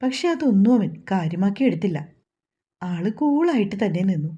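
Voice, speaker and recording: Woman reading a Malayalam novel aloud, mellow and husky. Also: mid-range voice, normal speed, muffled recording. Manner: reads all characters' dialogue in a mostly even voice. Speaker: story narrator. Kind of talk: scripted novel narration.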